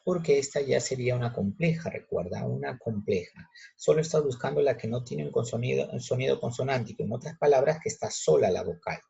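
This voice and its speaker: A male teacher patiently explaining a grammar lesson step by step, checking in with students with quick questions. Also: mid-range voice, vocal fry, warm tone, husky. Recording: muffled lo-fi recording.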